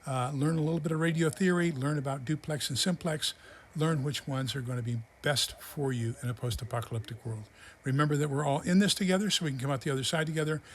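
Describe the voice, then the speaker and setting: A man's voice: on the high side, quick pace. A man explains things informally and practically, like a presenter of tips, feeling his way through technical terms. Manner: instructional, practical. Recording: clearly noisy background ambience.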